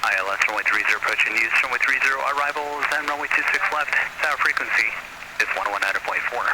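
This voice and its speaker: Man reading the airport weather broadcast over the radio, steady and clipped, heavy static and engine noise under it. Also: mid-range voice, fast talker. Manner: steady, clipped, formal number-by-number delivery. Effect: airport weather broadcast over aircraft radio. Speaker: automated airport information broadcast. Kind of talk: flat recorded weather and runway readout.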